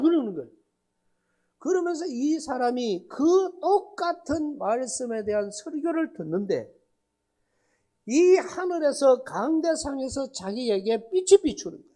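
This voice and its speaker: A man preaching a revival sermon in a North Gyeongsang Korean accent, his pitch leaping up and down with lively energy. He tells his story dramatically, swinging between hushed asides and loud outbursts, and acts out the quoted dialogue. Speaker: pastor.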